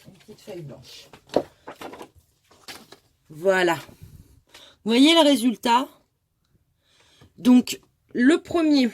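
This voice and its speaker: A woman hosting a casual craft tutorial, explaining step by step in a chatty way with many asides. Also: fairly high pitch. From France.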